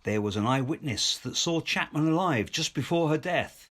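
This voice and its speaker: Man as high, animated Lestrade. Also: normal speed. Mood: tentative. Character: meek, slighted Victorian male police inspector. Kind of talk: scripted audio play acting.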